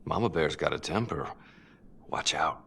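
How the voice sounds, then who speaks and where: A man's voice: rumbling low, a little slow, creaky, sharp tone, husky, exaggerated voice. An actor voicing a hostile, foul-mouthed male detective with a sneering, aggressive manner. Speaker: police detective.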